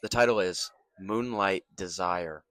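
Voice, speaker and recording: Deep-voiced young man reading aloud. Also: measured pace, fairly bright tone, no echo. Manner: reads a steamy story aloud with jokey asides. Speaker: podcast co-host. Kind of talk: casual chat and reading aloud.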